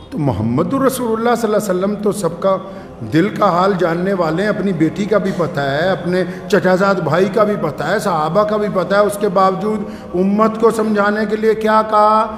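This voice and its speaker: A man with a Punjabi-inflected Urdu accent delivers an emotional sermon in a strikingly high voice. He is impassioned and breaks into shouts of rebuke. His words ring out with long reverb through a large, echoing hall. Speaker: preacher.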